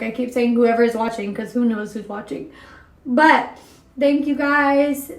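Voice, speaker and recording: A young woman from California talks straight to the camera in a heartfelt, confessional vlog. Her voice sits a little high, and the room around her sounds echoey. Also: darkish tone. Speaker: vlogger.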